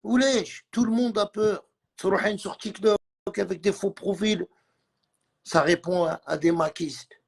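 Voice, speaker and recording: A man's voice: high-pitched, steady tone, measured pace, gravelly, slightly rough. A man on a live stream, ranting in a heated, repetitive way and mixing in words from other languages. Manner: agitated, repetitive, mixes French with Arabic and Kabyle. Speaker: livestreamer.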